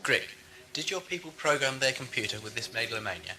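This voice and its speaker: A man's voice: medium pitch, lively intonation, fairly quick, bright, forceful tone, soft background music. A man playing an inquisitive, moralising time-travelling adventurer in a science fiction audio drama, with a wry, questioning, theatrical delivery. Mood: suspicious, defiant. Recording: faint hum and noise, amateur tape.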